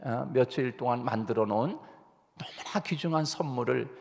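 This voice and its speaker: A man's voice: medium pitch, moderate pace, gravelly, a little mellow. A male pastor delivering an early-morning sermon, telling a story earnestly and asking the congregation rhetorical questions. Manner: earnest, rising emphasis, frequent hesitations. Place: church sanctuary. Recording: long church reverb.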